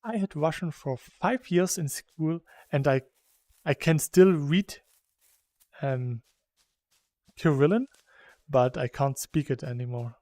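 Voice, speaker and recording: A gaming YouTuber from Saxony, Germany, talks slowly and casually while playing a game, rambling chattily and laughing between thoughts. His voice is on the high side and mellow, and the recording is dry.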